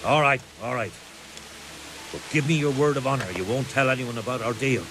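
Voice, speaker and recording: A man's voice: medium pitch, brisk, music in the background, natural voice. A man voicing a wary, grudging medieval village tradesman in a video game. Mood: grudging, cooperative.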